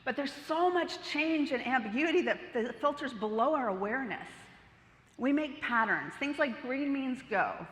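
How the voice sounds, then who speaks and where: Woman keynote speaker, middle-aged, bright voice, playful and lively, echoey hall with long reverb. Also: sits high, normal speed. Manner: lively, playful storytelling with audience questions. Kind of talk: conference keynote talk.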